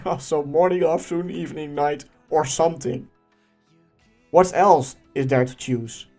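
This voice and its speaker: A young man with a Dutch accent, whose first language is Dutch, hosting a casual Q&A and answering viewer questions in a chatty, animated way. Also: a little high, a little slow, faint music behind. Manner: chatty and animated, laughing often. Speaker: YouTube channel host.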